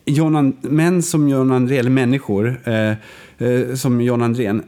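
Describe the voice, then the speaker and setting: A man's voice: steady tone, dark tone. A man in casual conversation, telling a film story with restarts and fillers. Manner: storytelling, acts out quoted lines with big pitch swings; hesitant, frequent restarts and fillers.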